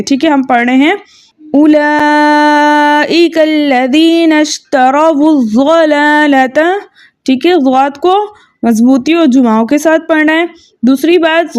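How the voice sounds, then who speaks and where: A woman with a high, clear-pitched voice leads a recitation lesson. She explains every rule slowly and methodically, checking in with her listeners again and again. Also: darkish tone. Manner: patient, methodical, repeats "okay" and checks understanding; slow drawn-out chanting when reciting verses. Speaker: Quran recitation teacher. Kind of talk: tajweed lesson with recited examples.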